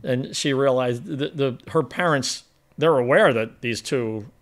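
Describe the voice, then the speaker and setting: A man's voice: medium pitch, a little slow. Man, film podcast co-host, rambling plot recap, lots of restarts, mid-range voice. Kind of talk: casual film review chat.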